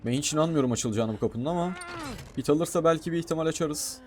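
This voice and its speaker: A man commentating his own gameplay in a casual, excitable way, often shouting and talking to himself. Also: fairly high pitch, fast talker. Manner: excitable, shouts and talks to himself while playing. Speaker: gaming streamer.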